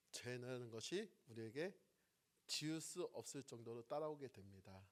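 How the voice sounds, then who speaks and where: A man preaching a sermon as pastor, often asking the congregation questions and swinging between loud emphatic phrases and soft trailing endings. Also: mid-range voice. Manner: asks the congregation questions and waits for replies.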